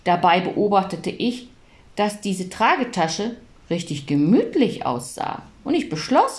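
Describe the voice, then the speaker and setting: Lively woman reading a storybook. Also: medium pitch. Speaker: audiobook reader.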